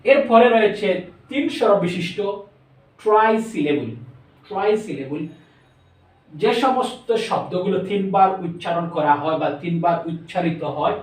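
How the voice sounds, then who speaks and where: High-voiced Bangladeshi man teaching. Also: lively intonation. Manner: slow, drawn-out words, mixing English into explanations. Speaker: spoken English teacher. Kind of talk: classroom lesson. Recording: echoey room, voice from a distance.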